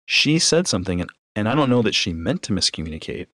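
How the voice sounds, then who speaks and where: A podcast host with a lowish voice talks at a quick pace, recorded dry with studio quality. He teaches conversationally through anecdotes, an animated storyteller who acts out dialogue and poses rhetorical questions.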